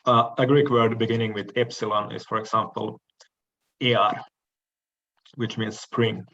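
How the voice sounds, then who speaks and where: A man delivering a recorded lecture in a slow, deliberate way, often stopping on hesitant fillers. His voice sits a little low, and the recording sounds dull and lo-fi. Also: level tone, bright, forceful tone. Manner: measured, frequent "uh" pauses, occasional throat clearing.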